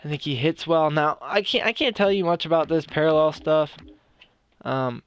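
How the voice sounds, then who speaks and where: A man's voice: a little high, normal speed, clear, resonant tone. A young man giving casual, rambling commentary on a video game as a gaming YouTuber, a little out of breath and often restarting his sentences. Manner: rambling, with frequent restarts and self-corrections.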